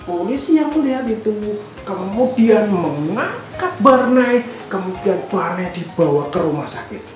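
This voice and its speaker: A woman telling a Bible story to children at an online church service, gently asking them questions along the way. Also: medium pitch, big pitch swings, unhurried. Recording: echoey room with music behind.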